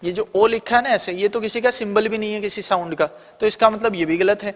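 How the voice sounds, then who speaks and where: An Indian man leads an exam-prep lesson, talking through each answer choice and answering his own questions as he goes. His voice sits high for a man. The sound carries a long, reverberant room tail. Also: fairly even intonation, brisk. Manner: explains step by step, often asking and answering his own questions. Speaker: teacher.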